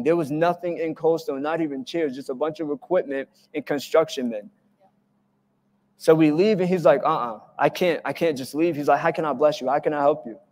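A man preaching a sermon as pastor, telling stories with lively acted-out quotes. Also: on the high side. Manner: animated storytelling with acted-out quotes. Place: church hall. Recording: church hall with long reverb.

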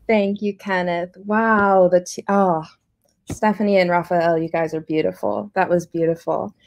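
A woman's voice: on the low side, fairly even intonation, unhurried. A woman born in Costa Rica, reading her poetry in an earnest, intimate way. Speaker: poet.

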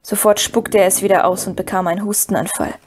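A woman reads a fantasy novel aloud as a storyteller. Her voice sits at a middling pitch and the narration moves steadily through the story. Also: fairly even intonation, fast, darkish tone, husky. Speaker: audiobook reader. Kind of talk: scripted narration.

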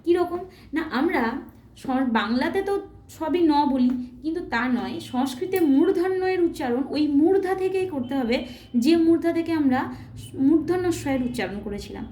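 Bengali-speaking woman teacher, high mellow voice, patient, self-questioning, echoey room. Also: expressive. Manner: patient, asks and answers her own questions; demonstrates sounds slowly, repeating them. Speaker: Sanskrit teacher. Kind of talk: explanatory online lesson.

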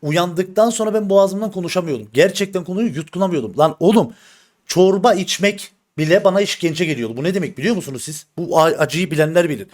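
A man's voice: sits high, fast, a little mellow. A man streaming live, venting bluntly to his viewers with slang and swearing, and repeating himself for emphasis. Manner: addresses the audience directly, repeats himself for emphasis. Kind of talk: casual stream talk to viewers.

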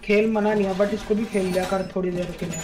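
High-voiced streamer scolding a teammate. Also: male voice, fairly even intonation, a little fast. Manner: scolding, profane banter. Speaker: livestreamer. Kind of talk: casual gaming chat. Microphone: headset.

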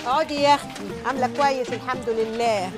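An actress with an Egyptian accent playing a loud, sassy neighborhood gossip. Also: female voice, high voice, quick pace, music in the background, lightly acted. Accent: Egyptian Arabic.

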